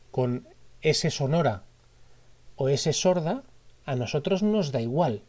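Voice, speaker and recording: A man's voice: a little high, darkish tone. A man with a Spanish accent from Spain, teaching a recorded lesson. He explains step by step and often repeats himself or corrects his wording. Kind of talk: recorded lecture.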